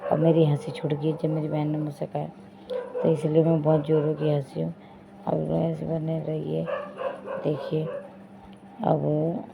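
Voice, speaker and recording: A woman's voice: deep voice, creaky. A young woman chatting straight to her viewers in a casual home vlog, pointing things out as she goes. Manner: chatty, addresses viewers directly, repeats "dekhiye". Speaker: vlogger. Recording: dull lo-fi phone audio with faint noise.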